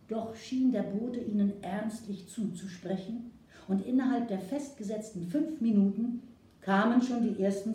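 A woman reading a story aloud in a lively, expressive narration, recorded far from the mic in an echoey room. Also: mid-range voice. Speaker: audiobook reader. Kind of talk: scripted narration.

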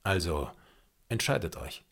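A man's voice: low voice, very animated, measured pace, gravelly, a bit bright, pitched below the performer's own voice, exaggerated voice. A man voicing a bold, commanding frontier hunter in an audiobook, speaking firmly and decisively. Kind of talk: audiobook character reading.

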